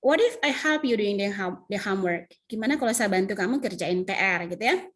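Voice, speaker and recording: A woman's voice: medium pitch, expressive, brisk. A woman from Indonesia teaching an English lesson over a video call, with an Indonesian accent, patiently repeating English phrases and explaining them. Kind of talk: online class lesson. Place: home.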